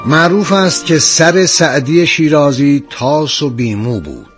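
A man hosting a radio program, reading old tales and anecdotes in a measured, expressive scripted narration. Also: fairly high pitch, soft background music. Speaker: radio storyteller host.

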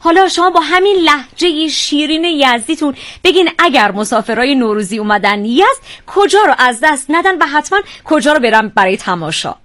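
High-voiced woman radio host. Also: lively intonation, a bit bright. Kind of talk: radio interview.

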